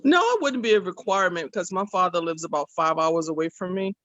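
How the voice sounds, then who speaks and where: A woman's voice: lowish voice, quick pace, a bit bright, no echo, dull audio. A woman answers questions in a plain-spoken, matter-of-fact way as a guest. The conversation is casual and the recording is very dry and close. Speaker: first-time guest on a group call. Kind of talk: casual discussion.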